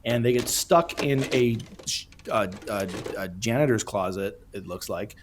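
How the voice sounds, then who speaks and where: A man co-hosting a film review show, casually recapping with halting, repetitive phrasing. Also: on the low side, a little hiss or hum. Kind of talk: casual amused movie recap chat.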